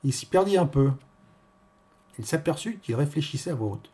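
A man reading a novel aloud as narrator, in a wry, measured manner. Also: a little high, expressive, dark tone, slightly rough. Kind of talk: audiobook reading.

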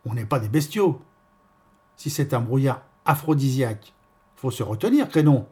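A man's voice: mid-range voice, lively intonation, normal speed, mellow, breathy edge. A man doing a flustered, prim young man. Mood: pleading. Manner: hesitant, prim.

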